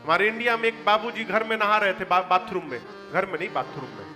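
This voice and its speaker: A man's voice: high-pitched, fairly quick. A male katha preacher, telling devotional stories, quizzing his audience and chanting verses, on a stage mic in an echoey hall. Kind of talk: devotional storytelling sermon. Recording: echoey hall, faint music.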